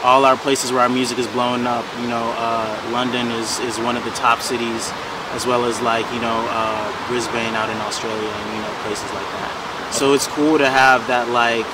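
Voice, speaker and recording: A man in his twenties, a musician being interviewed, talking in a relaxed way with lots of "you know" fillers. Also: medium pitch, moderate pace. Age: 20s. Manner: laid-back, many fillers like "you know". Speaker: musician guest. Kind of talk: casual interview chat. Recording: distant mic, loud outdoor traffic noise.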